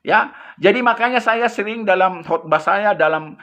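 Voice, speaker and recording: Bright-voiced, chatty male pastor. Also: high voice, moderate pace, dull audio. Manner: chatty, laughs often, acts out quoted speech. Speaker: missionary pastor. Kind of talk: casual storytelling chat.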